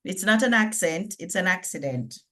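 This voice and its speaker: A woman's voice: fairly low pitch, animated, moderate pace, fairly bright tone. A middle-aged woman with a Jamaican accent, hosting an online conference, reading speaker bios with jokes and asides. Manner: jokey, chatty, reads bios aloud. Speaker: conference host.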